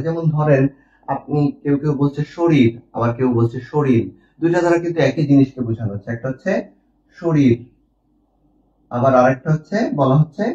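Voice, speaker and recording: A man's voice: mid-range voice, mellow. A man giving an online grammar lesson as a teacher, explaining patiently and asking and answering his own questions. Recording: distant roomy lo-fi recording.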